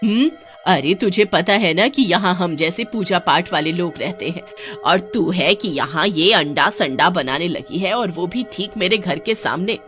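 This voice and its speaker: A woman putting on a loud scolding old neighbour. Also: fairly low pitch, unhurried, soft background music.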